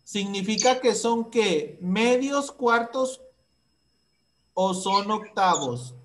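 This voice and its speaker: A woman's voice: mid-range voice, animated, slow. A Mexican woman teaching a math lesson to young children, asking questions patiently.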